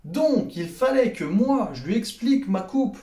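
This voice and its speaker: Animated young Frenchman in an echoey room. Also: high voice, unhurried. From France. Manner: sarcastic, animated, acts out dialogue. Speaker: comedy vlogger. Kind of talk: comedic storytelling monologue.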